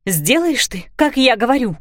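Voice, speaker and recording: A woman's voice: on the high side, very animated, moderate pace, dry recording, voice pushed up. Woman reader doing a controlled, commanding-but-tender stepmother; slightly raised voice, dry close sound. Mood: firm. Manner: coaxing, then commanding. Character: firm, soothing young stepmother.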